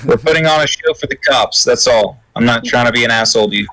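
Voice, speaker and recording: A man doing a hushed scheming prisoner. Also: medium pitch, fast, no room sound, lightly acted, poor audio. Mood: conspiratorial. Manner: whispering conspiratorially. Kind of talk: tabletop role-play.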